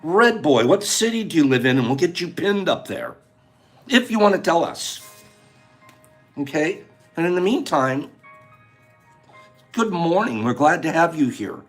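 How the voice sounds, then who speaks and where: A man hosting a casual livestream, chatty and animated as he reads out viewer names and runs a guessing game. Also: fairly high pitch, a little slow, pauses often, soft background music. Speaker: livestream host.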